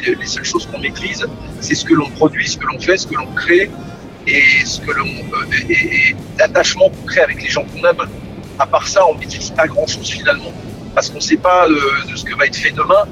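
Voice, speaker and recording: A musician in middle age gives a relaxed interview about his career and family, regularly stumbling and repeating words. His voice is on the high side. The recording is rough, and music plays behind him.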